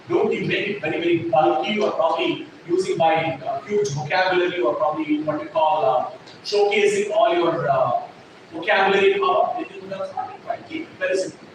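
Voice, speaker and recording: A man working as a trainer lectures a classroom in a high, very animated voice at a brisk pace, emphatically repeating his points and checking whether the class follows. The echoey classroom recording is noisy, with the mic far off.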